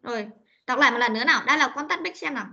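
Female online teacher, high-pitched, coaxing, repeats words for pupils to echo; muffled, lo-fi call audio. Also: very fast, bright, forceful tone. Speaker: English teacher. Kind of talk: online class pronunciation drill. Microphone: video call. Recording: dull lo-fi meeting recording.

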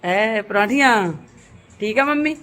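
A woman's voice: a little high, animated, slow pace, a bit bright. A middle-aged woman chats casually for a home vlog with dramatic, auntie-like exclamations and teasing questions. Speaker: family vlog host. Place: indoors at home. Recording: noisy handheld home vlog recording.

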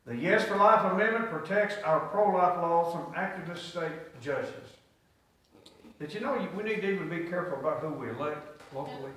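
Preaching in a small sanctuary, a middle-aged male pastor calls out and the congregation answers back. He speaks at normal speed in a fairly bright voice on the high side, recorded from a distance in an echoey church.

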